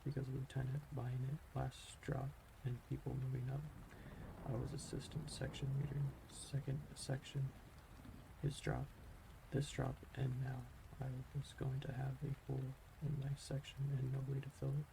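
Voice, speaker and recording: A man reads a military sci-fi tale in a soft, hushed, under-the-breath voice. His delivery is extremely even, with heavy vocal fry, and he now and then trips and repeats a phrase. Steady rain sounds clearly behind him. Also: mid-range voice, normal speed, noisy background. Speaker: reader. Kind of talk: quiet audiobook-style reading of a military science fiction story.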